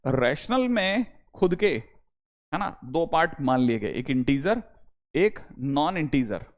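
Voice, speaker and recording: A man's voice: on the high side, sing-song, slow pace. A young adult man teaching an online math lecture, emphatic, repeating key points and coaxing his students to remember them.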